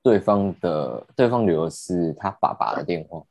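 Brief: young man, low and dark voice, indignant storyteller. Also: moderate pace, no room sound, dull audio. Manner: animated, indignant, swears casually. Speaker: podcast host. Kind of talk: casual storytelling.

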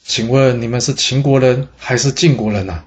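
Easygoing old-time boatman, a man voicing him, calm and plain, storybook. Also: medium pitch, moderate pace, dull audio, slight background noise, close to an everyday voice.

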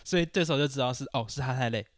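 A man's voice: mid-range voice, racing, dry recording, clean studio sound. A young man, co-hosting a podcast, complaining animatedly and acting out quotes. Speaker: podcast co-host. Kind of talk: casual chat about basketball.

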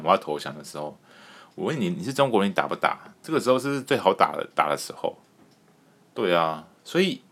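Animated low-voiced man ranting. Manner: animated, rambling, emphatic, swears casually. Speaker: podcast host. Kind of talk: casual political commentary.

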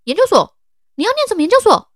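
A woman's voice: fairly high pitch, sing-song, moderate pace, fairly bright tone, no echo, studio quality, pitched above the performer's own voice. Woman doing a flabbergasted male professor. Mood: astonished. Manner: stammering, incredulous. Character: startled older male professor.

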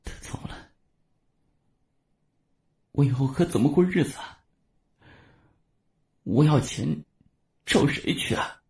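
A man's voice: a little high, huge pitch swings, a little slow, pauses often, a little mellow, breathy edge, pitched above the performer's own voice, heavily acted. A man voicing a selfish, hot-tempered young man in a storytelling drama, with a strained, raised voice. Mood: whiny.

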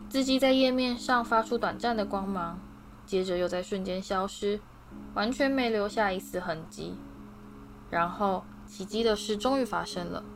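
A woman's voice: mid-range voice, background noise. Woman reading a storybook aloud. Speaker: audiobook reader. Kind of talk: storybook narration.

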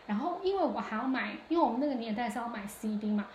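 A woman's voice: fairly high pitch, lively intonation, racing, slight background noise. A woman hosting a solo podcast, talking in a chatty, reflective way with lots of hesitations and restarts. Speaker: podcast host. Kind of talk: casual solo podcast monologue. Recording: echoey room.

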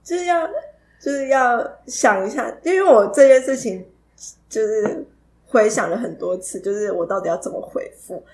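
Pitched on the high side and a bit mellow, this woman's voice moves at an ordinary pace. As a podcast co-host, she giggles and stumbles over repeated words while recounting a story in casual chat, and Taiwanese Hokkien is not her native tongue.

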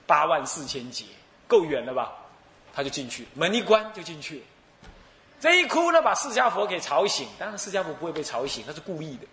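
A man's voice: fairly high pitch, very animated, a little fast, pushed and bright, roomy sound. A male Buddhist abbot with a Taiwanese Mandarin accent, preaching a sermon as a playful, laughing storyteller. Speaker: abbot and dharma teacher.

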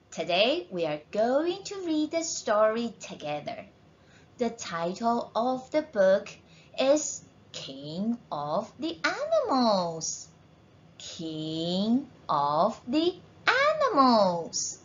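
Lady teacher reading a kids story super slow, bright voice, kinda muffled. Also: on the high side, wildly swooping pitch. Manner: encouraging, asks questions.

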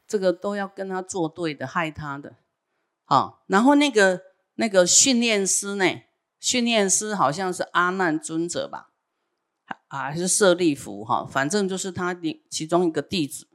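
A woman casually telling a Buddhist teaching story, chatty and full of fillers. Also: deep voice.

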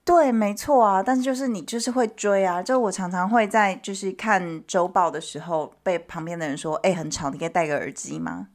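A woman's voice: on the low side, a little fast, few pauses. A woman hosting a show in a casual, conversational style. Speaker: host. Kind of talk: casual chat.

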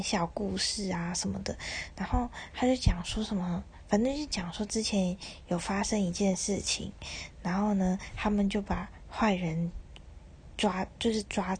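A young woman in her twenties with a Taiwanese Mandarin accent, telling a rambling personal story in a casual, often breathy near-whisper. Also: mid-range voice, darkish tone, a little hiss or hum. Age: 20s. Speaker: university student podcaster.

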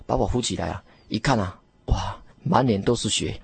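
Gravelly low-voiced man telling his testimony. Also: darkish tone, no room sound. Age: young adult. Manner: emphatic storytelling, many drawn-out fillers. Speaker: theology student guest. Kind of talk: testimony in a radio interview.

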